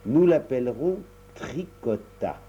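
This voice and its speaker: A man's voice: medium pitch, expressive, slow pace, warm tone, slight background noise. A man voicing a chorus of kindly, teasing spiders in a storybook reading. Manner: teasing, coaxing. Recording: dull lo-fi recording.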